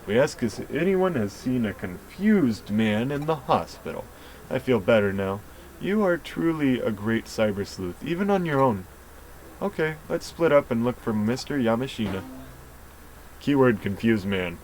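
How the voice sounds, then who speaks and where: A man's voice: big pitch swings, unhurried, darkish tone, a little hiss or hum, poor audio. Man casually reading game dialogue. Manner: plain, low-key reading with dry asides. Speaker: let's play host.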